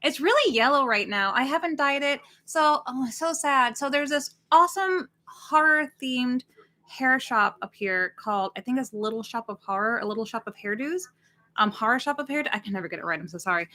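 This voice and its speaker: Chatty bright-voiced woman in her late thirties. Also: sits high, expressive, a little fast. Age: late 30s. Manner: chatty and rambling, reads out viewer names. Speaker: co-host of a horror watch-party stream. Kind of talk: casual livestream chat.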